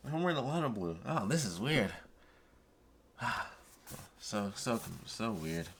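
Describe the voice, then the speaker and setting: A man who sounds high, rambling casually in a dazed, drifting stoner manner as he vlogs and trails off. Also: very animated, a little slow, a bit bright, a little hiss or hum. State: high, intoxicated. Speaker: vlogger. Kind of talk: rambling casual unboxing vlog.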